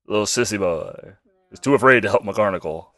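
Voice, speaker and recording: A man talks casually with a co-host, animated and a bit crude. His pitch swings a lot from line to line. The recording is dry and close. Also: a little fast, no echo. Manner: animated, swears freely, puts on silly quoted voices. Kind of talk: casual chat about comic book shows.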